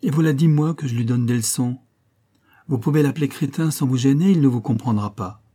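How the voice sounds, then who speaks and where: A man's voice: mid-range voice, fairly quick, dark tone, pitched above the performer's own voice, lightly acted. A man voicing an affected middle-aged woman posing as a Parisian countess, with a theatrical, wistful, mock-aristocratic manner. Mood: scornful.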